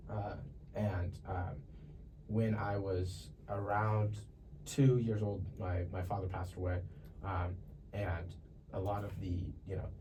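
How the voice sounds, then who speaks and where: A young man from Ethiopia, a podcast guest, sharing his life story in a relaxed, chatty way. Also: sits low, takes it slowly. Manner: relaxed and chatty, laughs easily. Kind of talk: casual testimony. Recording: distant mic with faint ambient noise.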